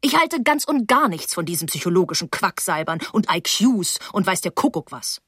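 A woman's voice: fairly low pitch, sing-song, moderate pace, a bit bright, husky, dry recording, studio quality, exaggerated voice. A woman voicing a brusque, fierce-hearted nanny. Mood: dismissive. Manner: blunt, scolding, dramatic outbursts. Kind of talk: audiobook reading.

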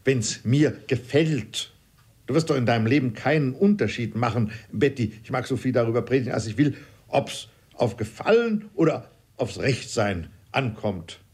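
Fretful, insistent period father, read by a man, husky, pitched up. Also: lively intonation, a little slow, darkish tone. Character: fussy excitable 18th-century father.

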